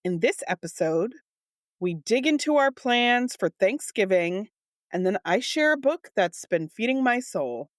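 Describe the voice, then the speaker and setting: A middle-aged woman from Southern California co-hosting a casual podcast, her mostly steady voice turning shaky at moments from a cold. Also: medium pitch, a little slow, dry recording, studio quality. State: congested with a cold, slightly shaky voice. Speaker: podcast co-host.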